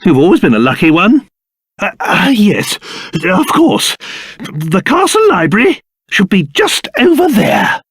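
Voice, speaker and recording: A man voicing an elderly, cursed little monster king in a video game, pompous, excitable and theatrical, with old-fashioned, blustering wording and a doting father's temper. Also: high-pitched, unhurried, slightly rough, no echo, studio quality, exaggerated voice. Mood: musing.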